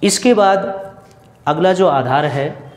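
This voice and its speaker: A man teaching Hindi grammar in a slow classroom style, asking questions and answering them himself and going over each point again. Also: fairly high pitch, roomy sound, big-room sound. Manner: repeats and restates points, asks questions then answers them. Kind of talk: slow, repetitive classroom explanation.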